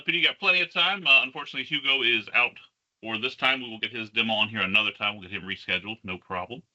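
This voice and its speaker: A man's voice: medium pitch, pushed and bright. A man hosting an online community call, talking upbeat and casual, his voice hollow and distant as if inside a barrel. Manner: upbeat, quick, many fillers. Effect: hollow, distant sound, as if inside a barrel. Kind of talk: casual online meeting presentation. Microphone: headset on a video call. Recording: muffled hollow headset audio.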